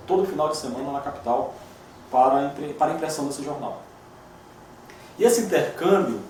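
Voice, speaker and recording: A man, a journalist and lawyer, giving a measured, reflective documentary interview. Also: a little high, a little mellow, a little hiss or hum. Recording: very echoey room, distant mic.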